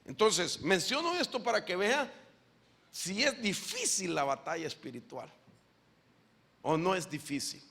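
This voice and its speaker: A man preaching a sermon as an apostle. He is animated, asks the congregation questions directly and keeps calling them brother. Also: high voice, unhurried, vocal fry, pauses often, breathy edge.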